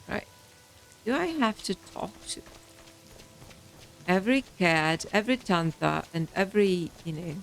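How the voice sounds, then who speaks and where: A woman giving laid-back let's-play commentary, speaking slowly with a gravelly edge. She drops in dry, sighing remarks between what she reads out from the game. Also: fairly low pitch, animated. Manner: wry, sighing asides. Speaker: gaming channel host.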